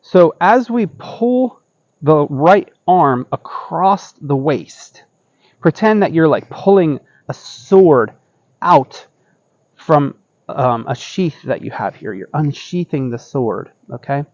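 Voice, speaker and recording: Slow-paced, higher-voiced man teaching tai chi. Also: animated, darkish tone, no echo, muffled recording. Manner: explanatory, often checks in with "okay?". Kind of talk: casual step-by-step exercise instruction. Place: outdoor wooden deck by trees.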